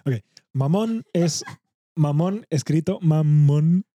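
A man's voice: a little high, takes it slowly, mellow, dry recording. Venezuelan man hosting a casual podcast. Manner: laughs often, hesitant explaining. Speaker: podcast host.

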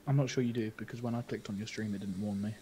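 A British man hosting a casual podcast, speaking in a measured way. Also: on the low side, steady tone, warm tone, slight background noise, poor audio. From Britain. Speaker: podcast host.

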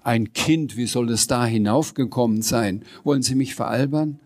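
A man voicing a bossy, excitable older woman landlady who talks in a shrill, impatient way in a storybook reading. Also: moderate pace, lightly acted. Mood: snippy.

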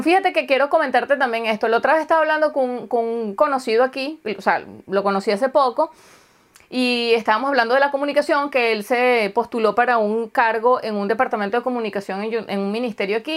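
Venezuelan woman chatting casually, storytelling, acts out what people said. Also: fairly high pitch. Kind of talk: casual chat.

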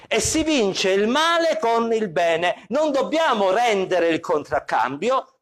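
Man, pastor, evening sermon, high voice, very animated pitch, emphatic repetition. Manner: expressive preaching, repeats questions for emphasis.

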